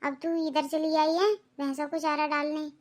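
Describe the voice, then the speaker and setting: A gentle elder daughter-in-law in a cartoon family speaks in a very high, soft voice, as a woman plays her. She sounds sympathetic and caring. Her words come with quiet concern. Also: little pitch movement, normal speed, natural voice. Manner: sighing, sympathetic, soft-spoken. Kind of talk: Hindi cartoon voice acting.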